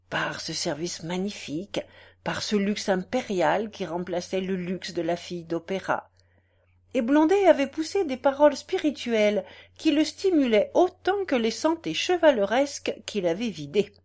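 A woman narrating a classic novel aloud as an audiobook, in an expressive, measured reading. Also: mid-range voice.

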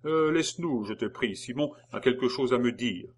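Storybook reading: man doing a curt, doubting prosecutor, mid pitch. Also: moderate pace, a little hiss or hum, lightly acted. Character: cold, calm male public prosecutor, dry and doubting.

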